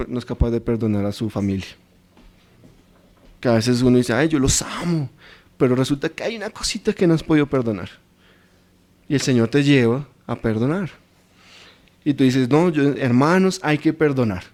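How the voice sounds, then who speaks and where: Man, bible study teacher, mellow voice, chatty and anecdotal. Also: mid-range voice. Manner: informal and anecdotal, acts out everyday quotes.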